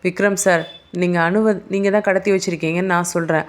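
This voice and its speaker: A woman voicing a calm, measured, cunning male police investigator. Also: lowish voice, close to an everyday voice. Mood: pressing.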